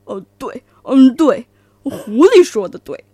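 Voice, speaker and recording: Lady doing a big tiger that moans and stutters, slow drawn out, dry close sound. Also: high-pitched, very animated, mellow, dry recording, full character voice. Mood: swayed. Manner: moaning, stammering, groaning. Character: big toothless male tiger, boastful then whimpering.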